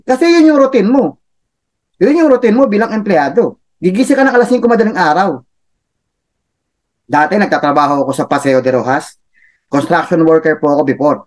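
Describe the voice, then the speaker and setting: A man giving a chatty motivational talk, laughing often and tossing in tag questions. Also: high voice. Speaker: motivational speaker for a business club.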